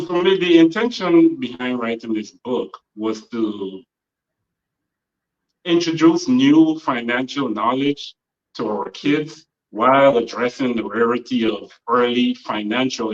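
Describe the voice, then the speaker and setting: Guest author, a man in his forties from Guyana, measured and hesitant, recorded on a phone from some distance with dull sound. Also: medium pitch. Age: 40s. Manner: measured, trailing off with frequent uhs. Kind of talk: interview answers. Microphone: phone held by another person.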